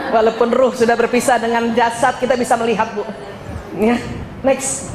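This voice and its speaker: A middle-aged woman giving a lively, joking talk to a women's study group, often addressing the listeners as "Bu". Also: on the high side, normal speed, a crowd in the background, noisy background. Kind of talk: lively talk with slides to an audience. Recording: echoey hall.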